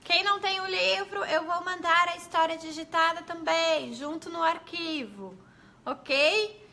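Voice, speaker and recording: Bright high-voiced teacher woman. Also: a little slow. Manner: chatty, explanatory, addresses viewers as gente. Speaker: pedagogue.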